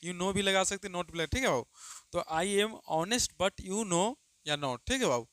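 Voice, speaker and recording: Guy teaching grammar, high bright clear voice, keeps asking then answering himself. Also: expressive, no echo. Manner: repeats questions and answers them himself, calls students "babu"; drawn-out dictation of example sentences. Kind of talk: Hindi grammar lesson.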